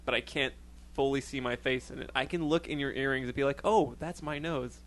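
A man's voice: medium pitch, steady tone, fast, a bit bright. Joking man in casual chat. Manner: joking, rambling, laughs often. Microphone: headphones on.

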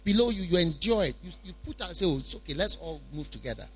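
A man's voice: high voice, animated, fast, a bit bright, slight background noise. A man with a Ghanaian accent preaching a sermon in an emphatic, repetitive way, full of rhetorical questions.

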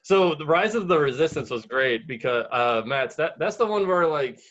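A man telling a story in a loose group chat, swearing freely and laughing as he goes. His voice sits a little high. The recording sounds dull and lo-fi. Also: expressive, normal speed, fairly bright tone.

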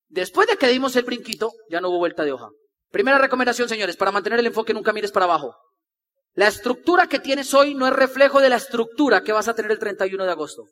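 High, bright man speaking on stage. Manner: animated, repetitive, acts out quoted people. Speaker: motivational speaker. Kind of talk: energetic motivational talk to a crowd. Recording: live talk with long hall reverb.

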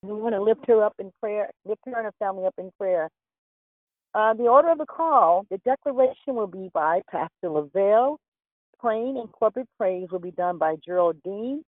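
A woman reading scripted announcements and scripture in a formal, measured way as hostess of a phone prayer call. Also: medium pitch. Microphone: telephone. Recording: tinny phone conference line, roomy echo.

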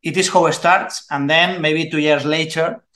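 A man's voice: fairly high pitch, fairly even intonation, moderate pace, fairly bright tone. A native Spanish-speaking man with a Spanish accent explains his work off the cuff as a guest teacher, groping for English words as if translating in his head. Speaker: investment course teacher and guest.

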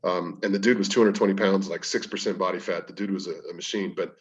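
Brief: a lower-pitched man, a podcast guest, anecdotal and loose, restarting sentences; heard from a distance. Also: steady tone, quick pace. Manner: rambling, anecdotal, frequent restarts. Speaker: podcast guest, strength coach. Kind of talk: casual storytelling interview. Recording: distant, dull lo-fi sound.

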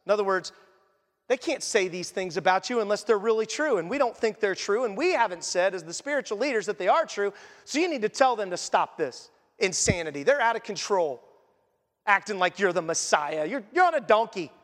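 High-voiced man preaching in a reverberant hall. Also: expressive, brisk. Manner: earnest, conversational preaching with sudden quiet drops. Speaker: pastor. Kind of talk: sermon.

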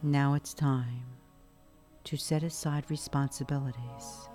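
A woman guiding a relaxation meditation in a soft, soothing, hushed spa voice, leaving long pauses between phrases. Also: extremely low pitch. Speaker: meditation guide. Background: music.

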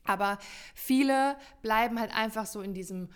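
A woman's voice: fairly high pitch, normal speed, clear, resonant tone. A woman co-hosting a podcast, explaining in long emphatic runs with many fillers in a casual chat. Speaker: podcast co-host.

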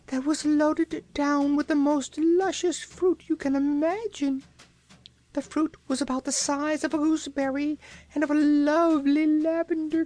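A woman voicing a tiny flying male creature called the Ark, in a very small, squeaky voice. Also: a little mellow, rough recording.

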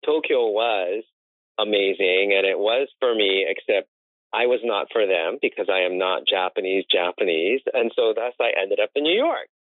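With lively intonation and a moderate pace, a fairly low-pitched man from the US tells extended stories about being an interior designer and laughs frequently during this conversational interview. There's no room sound; the line is tinny, phone-like and dry.

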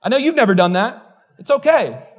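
Brisk and slightly rough, this man's very high, sing-song voice comes through a muffled recording as he delivers a church sermon. The pastor keeps it frank and chatty, cracking jokes at his own expense with plenty of "like" thrown in.

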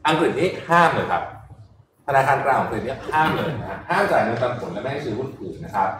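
Animated man explaining, roomy echo. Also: medium pitch, fast, recorded from a distance, noisy background. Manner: lively, animated explaining with laughs. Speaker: host. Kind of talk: casual talk-show commentary. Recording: roomy echo from off-mic, faint ambience.

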